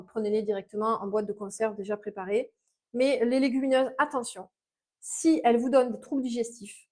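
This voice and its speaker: A woman with a Mediterranean French accent and a slightly high voice explains diet tips as a naturopath. She speaks off the cuff, looping through fillers and restarts and stressing points with a quick "ok?". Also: a little mellow. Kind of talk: informal health advice video.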